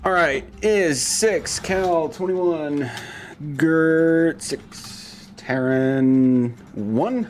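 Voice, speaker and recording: A man narrating a tabletop roleplaying game as game master, in a halting way. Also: on the high side, a little mellow, a little hiss or hum.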